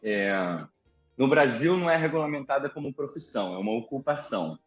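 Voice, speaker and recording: A man in his thirties from Rio de Janeiro, Brazil, talks as an interview guest on a video call through a headset mic, his Carioca Brazilian Portuguese accent slightly softened. His medium-pitched voice moves briskly as he tells stories in a relaxed, chatty, reflective way with animated asides. He's indoors in an apartment, with soft music playing in the background.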